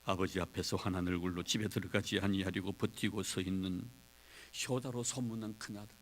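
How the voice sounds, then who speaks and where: A man preaching a sermon as pastor, retelling a story dramatically with big swings between quiet and loud. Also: sits low, steady tone, a little fast, slight background noise.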